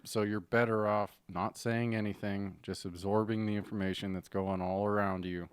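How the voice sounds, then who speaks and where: Laid-back, joking man with a low voice. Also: steady tone, moderate pace, clean tone, no room sound. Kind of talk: casual chat.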